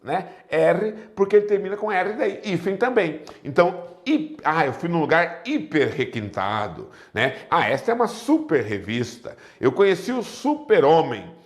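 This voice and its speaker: Brazilian guy teaching grammar for exams, kinda high voice, bouncy, keeps going "right, folks?". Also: normal speed, hardly any pauses. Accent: Brazilian Portuguese. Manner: lively explanatory, asks rhetorical questions. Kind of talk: exam-prep grammar lesson.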